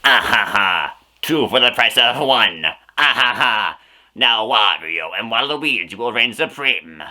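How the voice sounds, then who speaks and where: A man's voice: mid-range voice, lively intonation, unhurried, bright, forceful tone, voice pushed down. A man voicing Waluigi, a scheming cartoon villain with a theatrical, gloating manner.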